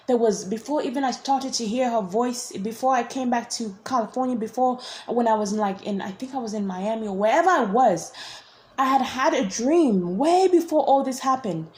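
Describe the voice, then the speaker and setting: A woman's voice: fairly high pitch, a little mellow, slight background noise. A woman telling a personal story in a casual vlog, rambling with constant "like" and frequent restarts. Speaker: vlogger.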